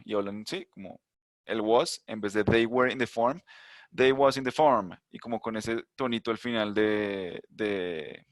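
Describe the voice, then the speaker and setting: A man's voice: fairly low pitch, no echo. A man teaching an online English class, explaining chattily with asides and rhetorical questions.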